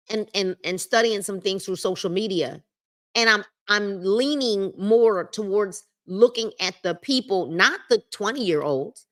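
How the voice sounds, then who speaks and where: This woman's voice sits at a medium pitch with a slightly bright quality. Hosting a book club over a live stream, she reads from a self-help book, interrupts herself with emphatic remarks, repeats key phrases, and addresses her chat directly, all through a livestream mic.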